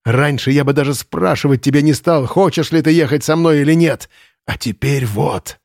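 A man voicing a desperate, unstable male camp commandant who pleads and shouts hysterically. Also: medium pitch, normal speed, no echo, clean studio sound, close to an everyday voice. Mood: frantic.

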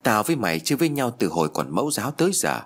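Brief: terrified young person, trembling, begging, very lively pitch, as a man puts it on. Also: very fast. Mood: frightened. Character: frightened young person pleading with a ghost.

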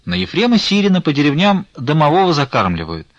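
A man's voice: on the high side, huge pitch swings, quick pace, dry recording, muffled recording, voice pushed up. A man voicing a bold, pert young woman choir singer who mocks her elder, in an audiobook. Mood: cheeky. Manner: pert and mocking.

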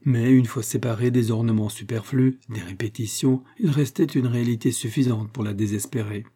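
A man narrating a classic novel as an audiobook, reading in a measured, even way. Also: mid-range voice, breathy edge.

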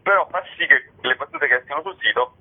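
Speaking quickly and animatedly, this man has a higher-than-average voice with a breathy edge. He's a satirical writer being interviewed as a guest, casually explaining his work with many fillers over a narrow, tinny radio phone line.

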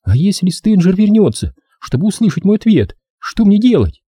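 A man reading a storybook, voicing a sharp-tongued, anxious young woman in a raised voice. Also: high-pitched, sing-song, moderate pace, breathy edge, no echo, studio quality, voice pushed up, exaggerated voice. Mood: agitated.

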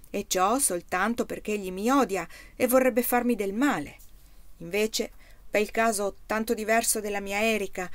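Earnest, devoted young farmhand, read by a woman in a storybook, mid-pitched, dry. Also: no echo, lightly acted. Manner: musing, heartfelt inner monologue. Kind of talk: audiobook reading.

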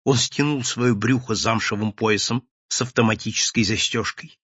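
A man narrating an audiobook in a theatrical, expressive reading. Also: on the low side, normal speed, slightly rough, dry recording. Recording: dull lo-fi recording.

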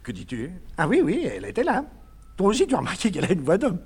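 A man's voice: high voice, wildly swooping pitch, fast, husky, exaggerated voice. A man playing a naive, doting man who fusses tenderly over a woman, in a 1950s stage comedy recording. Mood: coaxing, playful. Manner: tender, fussing and chattering. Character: doting, fussy, naive middle-aged man.

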